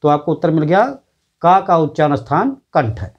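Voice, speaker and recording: A man teaching an exam-prep lesson in a Hindi accent, repeating each letter and answer slowly. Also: on the high side, husky, muffled recording.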